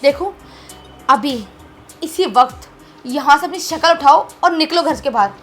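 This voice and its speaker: A woman's voice: sits high, animated, fairly quick, fairly bright tone, soft background music. A young woman playing a lonely wife who scolds with indignation in a melodramatic short film. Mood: angry.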